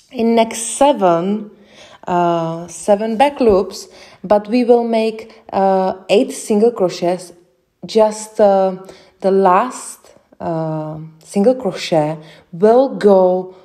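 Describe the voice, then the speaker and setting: Young Czech woman, Czech accent, crochet tutor; mellow, unhurried delivery, halting between steps. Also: medium pitch. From Czech Republic. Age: young adult. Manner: slow, careful, with many hesitations. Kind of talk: step-by-step craft instruction.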